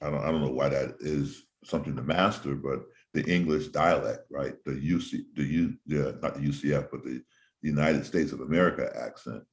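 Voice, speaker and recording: A man hosting a casual interview, talking at length in a thoughtful, rambling way with frequent pauses and um's. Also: very deep voice. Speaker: host.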